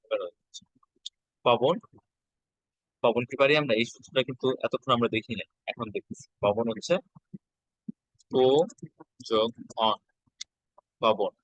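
A man's voice: medium pitch, fairly even intonation, unhurried, pauses often, no room sound, poor audio. A male teacher, giving an exam-prep lesson and patiently repeating each step.

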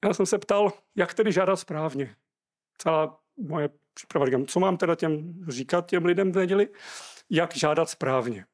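A Czech man preaching a sermon, reading scripture aloud and explaining it earnestly. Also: on the high side.

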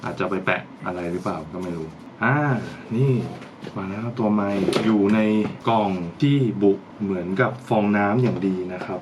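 A vlogger reviewing gear chats casually as he unboxes and tries things out for his channel, thinking aloud while handling each item. His voice is on the low side and moderately paced, with background noise in the recording.

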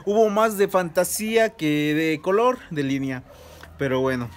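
A man's voice: on the high side, expressive, a little slow. Chatty young Mexican man, phone selfie. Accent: Mexican Spanish. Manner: chatty, informal, frequent fillers and restarts. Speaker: miniature rooster breeder vlogger. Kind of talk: casual selfie vlog review. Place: outdoors under trees. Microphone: phone at arm's length. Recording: phone audio with roosters crowing behind.

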